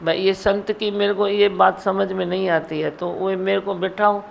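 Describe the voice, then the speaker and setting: A woman's voice: medium pitch, level tone, normal speed, vocal fry, a little hiss or hum. A woman guru gives a sermon, scolding and teasing her listeners and mimicking their mumbling. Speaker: spiritual guru. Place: satsang hall.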